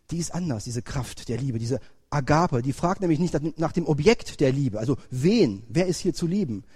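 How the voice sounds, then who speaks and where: A man preaching a sermon, first reading scripture slowly, then preaching with rising emphasis. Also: a little high, warm tone, slightly rough. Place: church. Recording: long reverb of a church hall.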